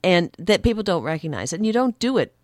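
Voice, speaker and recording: A woman's voice: brisk, no room sound. Woman coach in a dry studio. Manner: acts out quoted voices with lively pitch swings. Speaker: communication coach, guest. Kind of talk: casual studio conversation. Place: studio with desk and soundboard. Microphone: desk microphone.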